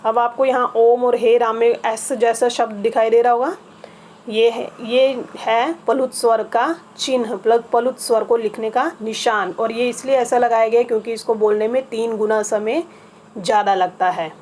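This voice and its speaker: A woman's voice: a little high, steady tone, darkish tone, slight background noise. A woman teaching a grammar lesson to children, explaining patiently and repeating each item one by one. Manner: patient, spells things out slowly with repetition.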